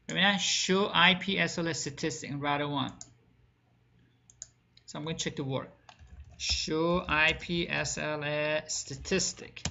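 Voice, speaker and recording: A man's voice: on the high side, vocal fry, bright, forceful tone, dull audio, slight background noise. A man teaching a screen-recorded networking lesson, asking the class questions and answering them himself, with small grammar slips. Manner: plain spoken with non-native grammar slips. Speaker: networking instructor.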